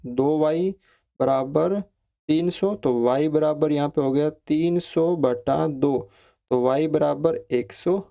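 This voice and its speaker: A man teaching a maths lesson, explaining each step slowly, counting values aloud and checking in with his students. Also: a little high, gravelly, warm tone. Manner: asks students questions, repeats phrases like ठीक है.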